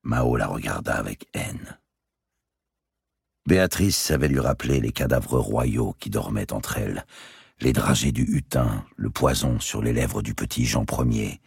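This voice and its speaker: A man narrates a historical novel in a very low, gravelly voice. His tone is husky and raspy, yet his pitch moves expressively through the sentences. The recording is close and dry. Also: normal speed, dry recording. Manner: expressive, dramatic reading. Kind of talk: audiobook reading of a historical novel.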